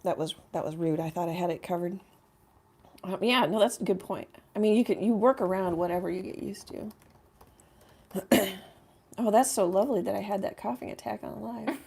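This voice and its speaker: Middle-aged woman painting live, hoarse raspy voice, keeps clearing her throat and saying sorry. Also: mid-range voice, moderate pace, pauses often, a little mellow. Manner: apologetic, chatty, clears throat often. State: hoarse from coughing, frog in throat. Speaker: painting instructor. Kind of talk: casual live painting chat. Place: home art studio.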